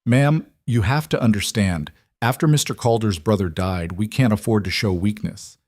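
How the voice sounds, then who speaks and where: A man's voice: lowish voice, moderate pace, darkish tone, no room sound, natural voice. A man playing a loyal ranch foreman who reports in an urgent, respectful way.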